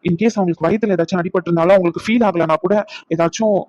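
A man voicing a young hospital worker in a cartoon; he talks in a brisk, bossy way and mixes in English words. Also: high-pitched, steady tone, a little mellow, no room sound, lo-fi sound, natural voice. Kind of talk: cartoon voice acting.

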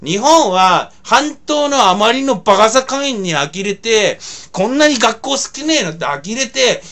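A man speaking in a casual monologue as a video blogger, rambling with many fillers and rough colloquial phrasing. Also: high voice, bright, forceful tone.

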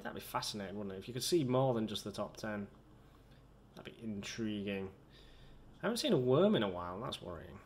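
Man, gameplay commentary, rambling chatter, self-mocking, mid-pitched voice. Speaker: gaming video host.

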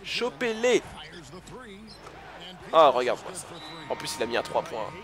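Excitable bright-voiced gamer cheering and cursing. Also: male voice, a little high, measured pace. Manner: excitable, swings between cheering and cursing frustration; coaches his teammates aloud, self-critical. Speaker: gamer playing a basketball video game. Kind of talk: live let's-play commentary.

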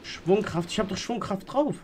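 A man's voice: sits high, lively intonation, moderate pace, a little hiss or hum. A man in his twenties, a streamer chatting casually and loosely with slang and hesitations while playing a game in an indoor room on a desk mic. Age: 20s. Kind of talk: casual gaming chat.

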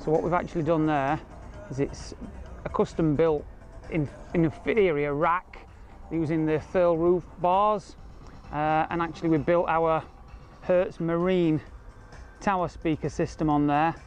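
A car audio installer explains a product informally from an outdoor car park and inside a car, with faint music playing behind. His slightly high voice has fairly even intonation and a measured pace. A handheld camera captures him clearly over ambient noise.

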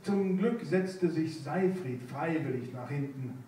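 A man reading a children's story aloud at sight, unhurried and playful. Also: fairly high pitch, expressive, dark tone. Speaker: reader. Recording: echoey room, mic far off.

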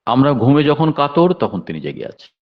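A man's voice: mid-range voice, big pitch swings, normal speed. A man in his seventies giving a devotional sermon, telling stories with sudden emphatic raised bursts. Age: 70s. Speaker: devotional speaker. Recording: dull lo-fi recording.

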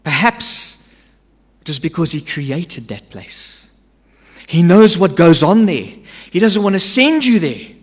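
A middle-aged man preaching a sermon from a church stage into a stand mic, emphatic, swinging between urgent loud lines and hushed asides. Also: fairly high pitch, very animated, takes it slowly. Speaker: pastor. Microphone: stand mic at a pulpit. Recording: long church-hall reverb.

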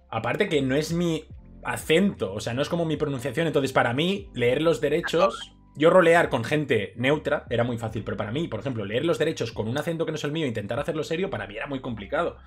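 Guest rambling through stories, quick pace, mid voice, faint music under it. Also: male voice, mid-range voice. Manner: storytelling, relaxed, colloquial. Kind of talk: casual interview chat.

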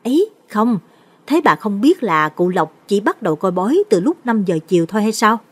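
A woman voicing a chatty young female tea-stall seller, eager and gossipy, with a breathy voice. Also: medium pitch, very animated, normal speed. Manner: eager, gossipy, hushed when confiding.

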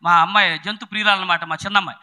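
A middle-aged male preacher, delivering a sermon with sudden shouted bursts and chatty storytelling. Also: high-pitched, fairly even intonation, very fast.

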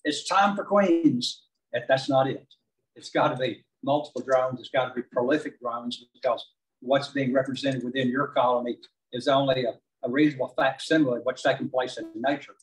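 A man's voice: medium pitch, steady tone. Middle-aged Texan man presenting from a distance. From southeast Texas. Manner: measured, frequent "uh" fillers. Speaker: beekeeping presenter. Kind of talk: club presentation talk. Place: large meeting hall with projector. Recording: distant room recording.

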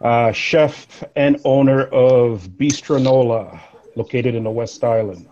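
A man's voice: mid-range voice, takes it slowly, warm tone. Terse man on dull, lo-fi call audio. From Canada. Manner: terse, clipped answers. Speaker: chef.

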